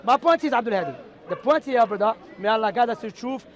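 A man, debating loudly and passionately outdoors on a lapel mic. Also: very high voice, lively intonation, fast talker, lo-fi sound, some chatter behind. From Algeria. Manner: loud and passionate, insistent. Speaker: street debater. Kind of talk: heated street debate. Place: outdoor park among a crowd. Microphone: clip-on lapel mics.

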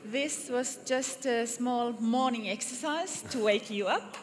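A woman's voice: on the high side, slow pace. A Finnish woman with a Finnish accent leading a conference workshop in English, friendly and hesitant with fillers and restarts. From Finland. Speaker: workshop presenter. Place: conference room with audience. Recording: reverberant hall, faint noise.

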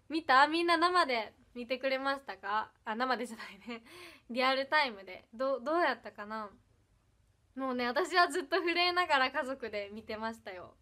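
Young woman, Iyo dialect with Kansai touches, high and bright, bubbly livestream chatter. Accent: Iyo dialect with some Kansai. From Ehime, Japan. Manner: bubbly, giggly, thanks viewers one by one. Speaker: idol livestreamer. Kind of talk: casual livestream chat reading comments.

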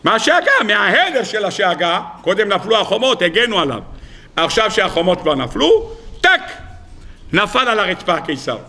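A man preaching a Torah sermon as a rabbi, telling the story with animated rhetorical questions. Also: high voice. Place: lecture hall.

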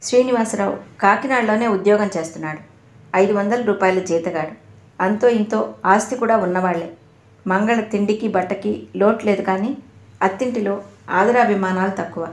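A woman narrating an audio novel in a measured, even storytelling manner. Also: medium pitch. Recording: roomy echo.

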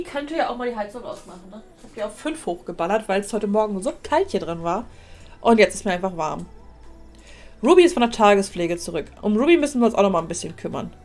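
A woman's voice: medium pitch, a little mellow. A woman casually commenting while she streams a life-sim game, thanking viewers and talking to her characters, a little sniffly with a cold.

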